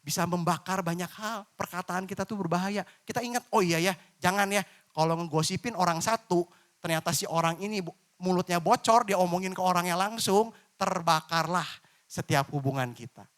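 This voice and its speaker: A man preaching a lively, informal church sermon, from Indonesia. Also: high voice, brisk. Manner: lively, informal preaching with playful voiced examples. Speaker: pastor.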